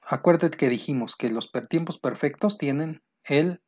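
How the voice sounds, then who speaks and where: A man's voice: on the high side, moderate pace, darkish tone, slightly rough, lo-fi sound. Man teaching grammar, drilling examples. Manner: repeats and drills examples, asks rhetorical questions. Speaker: English teacher. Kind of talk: classroom grammar lesson.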